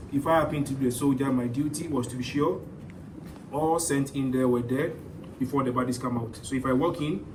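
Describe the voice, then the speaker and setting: Male tour guide in echoey stone chambers. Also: mid-range voice. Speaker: tour guide at a historic castle. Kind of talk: guided tour narration, explanatory. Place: inside stone castle cells and passages. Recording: echoey stone chambers, distant mic, clear background noise.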